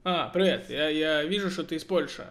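A man's voice: on the high side, moderate pace, fairly bright tone. A man in his twenties chatting and joking with strangers over a video call, laughing often. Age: 20s. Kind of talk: casual video chat. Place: indoor room, seated in a chair. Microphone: webcam video call.

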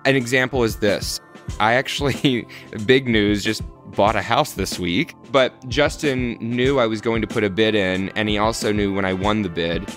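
Earnest low-voiced man in his thirties. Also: normal speed, soft background music. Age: 30s. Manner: earnest, reflective, thinking out loud. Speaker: podcast guest. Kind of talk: candid interview talk.

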